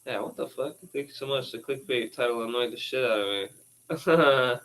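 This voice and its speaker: A man's voice: medium pitch, moderate pace, fairly bright tone, poor audio. A casual man reading out news posts and riffing on them, with laughing asides and swearing. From United States. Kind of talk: casual rambling commentary.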